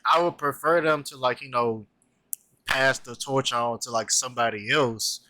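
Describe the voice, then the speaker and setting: A man's voice: medium pitch, normal speed, slight background noise. A man in his twenties chatting casually about cartoons, rambling with lots of filler words. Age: 20s. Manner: animated, rambling with many "like" fillers. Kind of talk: casual chat.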